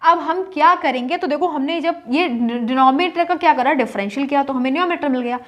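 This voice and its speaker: Slowly working through a maths lesson, a young woman repeats every step and keeps checking that her students follow. Her voice is high-pitched with a fairly bright tone, and the recording has its highs cut off.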